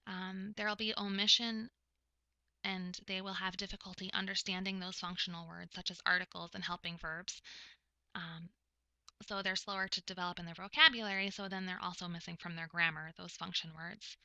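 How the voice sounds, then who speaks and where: A woman giving a recorded lecture, explaining topics step by step in a measured way with frequent pauses. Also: on the low side, level tone, pushed and bright, no room sound, poor audio. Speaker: presenter explaining speech of the hard of hearing.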